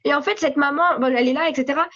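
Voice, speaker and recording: A woman with a French accent giving a spontaneous spoken testimony at a church meeting, animated storytelling with frequent restarts. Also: high-pitched, rapid-fire. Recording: slightly dull audio recording.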